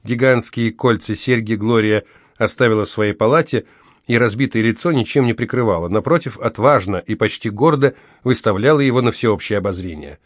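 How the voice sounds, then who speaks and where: A man reading an audiobook in steady, scripted narration. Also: fairly low pitch, brisk, no room sound, clean studio sound.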